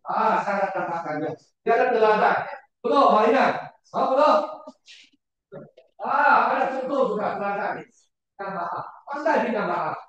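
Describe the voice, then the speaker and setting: A man preaching a sermon to a congregation, repeating words and shouting for emphasis, often putting questions to his listeners. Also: sits high, animated, a little slow, lo-fi sound. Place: church hall. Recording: very echoey church hall, far from the mic.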